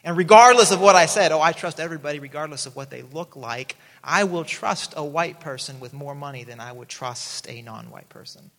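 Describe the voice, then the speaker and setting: Preaching briskly with few pauses, a pastor in his thirties who grew up in South America sounds earnest in a large hall. His high-leaning, fairly bright voice often restarts sentences, repeating words at the start of each thought.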